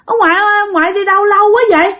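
A woman's voice: very fast, pushed and bright. A woman voicing a young girl who cries out for her dead grandfather. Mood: tearful longing. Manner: high pleading cries.

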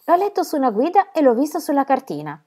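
A woman's voice: sits high, sing-song, fast talker, mellow, pitched above the performer's own voice. A woman voicing a forty-seven-year-old spinster aunt who talks in a hesitant, pleading way. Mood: eager.

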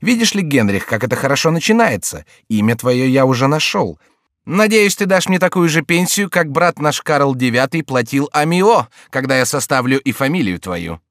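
A male narrator voicing a mocking, sharp-tongued court jester who teases with theatrical, mock-pious glee. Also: mid-range voice, big pitch swings, moderate pace, dry recording, studio quality, pitched above the performer's own voice.

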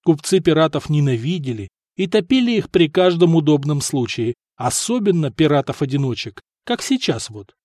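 Male audiobook narrator, lively and dramatic, higher voice, dry close studio sound. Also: moderate pace, few pauses, no echo. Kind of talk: scripted narration.

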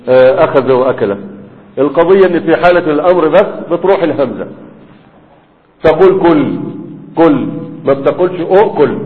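A man with an Egyptian Arabic accent teaching grammar in a classroom lecture, often quizzing his students with "right?" and "what?". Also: a little high. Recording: phone-like, with a long hall reverb.

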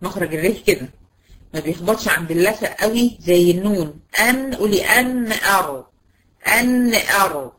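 A woman with an Egyptian Arabic accent teaching a tajweed lesson. She poses questions and answers them herself, and drills sounds slowly and patiently. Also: medium pitch, expressive, a bit bright, a little hiss or hum, rough recording. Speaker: Quran recitation teacher.

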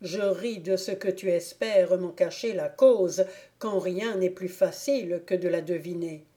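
A shrewd village clog-maker teases his cousin with knowing mockery, as a woman reads him in an audiobook. The delivery is slow and drawn out, with a mellow, warm tone. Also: on the low side, close to an everyday voice. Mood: teasing. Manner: mocking, knowing. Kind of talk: audiobook character reading.

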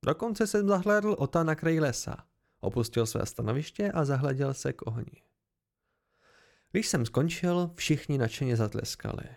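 A man narrating an amateur audiobook with an expressive, storytelling delivery. His voice is slightly high for a man, gravelly, and swings widely in pitch. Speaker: audiobook reader.

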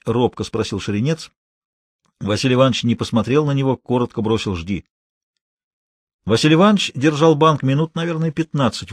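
A man narrating an audiobook in an expressive, dramatic storytelling manner. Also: medium pitch, dry recording, clean studio sound.

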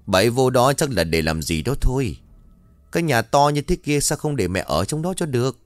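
A man's voice: medium pitch, lively intonation, fairly quick, dry recording, close to an everyday voice. A man voicing a doubting old village woman. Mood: incredulous. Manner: protesting, incredulous.

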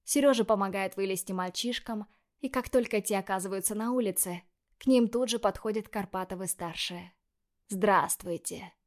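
A woman reading first-person scripted narration in a measured, expressive way. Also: medium pitch. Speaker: audiobook narrator.

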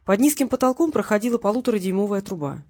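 A woman's voice: mid-range voice, animated, fast, a little mellow, husky. Woman reading a crime novel aloud. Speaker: audiobook narrator. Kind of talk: scripted narration of a crime novel.

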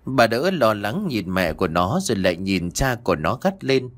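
A man reading a horror story aloud as a steady, dramatic storyteller. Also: fairly low pitch, normal speed. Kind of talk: scripted horror story narration.

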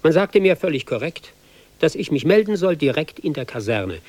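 A man's voice: a little high, sing-song, moderate pace, a little mellow, no echo. An actor playing a hapless young army recruit, reciting his tale in ironic, sing-song rhyme for a radio play. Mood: sardonic.

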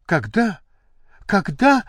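A man voicing a frightened young maid who exclaims in an excited, breathless way, in an audiobook. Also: high-pitched, takes it slowly, husky, no room sound, clean studio sound, pitched above the performer's own voice, full character voice. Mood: agitated.

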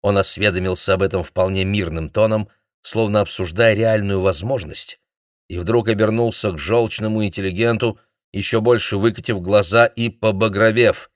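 A man narrating an audiobook in a measured storytelling manner. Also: fairly low pitch, fairly even intonation, no echo, studio quality. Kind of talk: scripted narration.

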